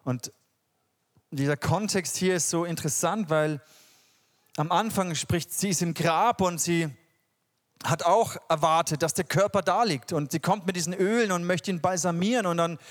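A man preaching a sermon in an impassioned, conversational way, often sinking into soft, hushed tones. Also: high-pitched, normal speed. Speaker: pastor.

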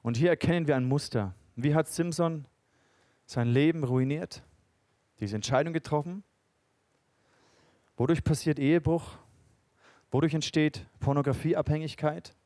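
A man preaching a sermon in German, retelling stories with loud bursts and quiet asides. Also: on the high side, a little slow, long pauses, no room sound.

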